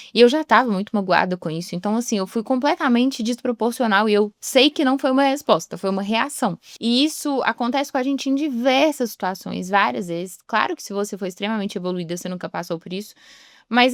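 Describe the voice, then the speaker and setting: Young woman, devotional speaker, chatty, mid-pitched, dry recording. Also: no room sound. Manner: chatty, acts out quoted voices. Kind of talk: reflective devotional talk.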